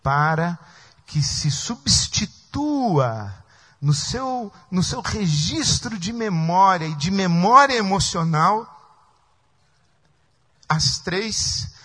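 A man's voice: expressive, slow, fairly bright tone. A man preaching a sermon as a pastor, emotional and acting out the voices he quotes. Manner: emotional, acts out quoted voices with rising pitch.

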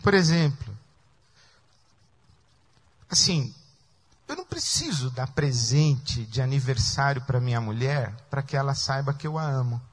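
A man's voice: expressive, measured pace, pauses often, husky. A man preaching a sermon as a pastor, emotional and acting out the voices he quotes. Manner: emotional, acts out quoted voices with rising pitch.

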